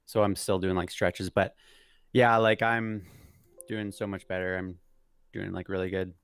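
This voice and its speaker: A guest mountain biker in his thirties talks in a casual interview chat over a video call. His deep, smooth voice shows little pitch movement at a measured pace, and he speaks hesitantly with many fillers and restarts.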